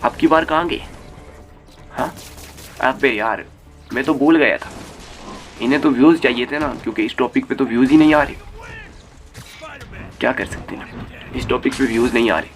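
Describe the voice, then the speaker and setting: A young man delivers a fired-up vlog rant at an ordinary, mid-range pitch, swearing often and hammering his points home. A little music plays faintly underneath. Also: moderate pace, pauses often. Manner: heated and crude, swears freely. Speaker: YouTube commentator. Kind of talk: ranting commentary.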